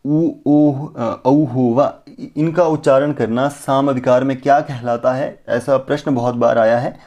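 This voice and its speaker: Speaking close to the microphone, this male Sanskrit teacher runs an exam-prep session in an unremarkable middle pitch with a touch of mellowness. He throws out rhetorical questions and immediately answers them, sometimes pausing to draw out chanted syllables for illustration.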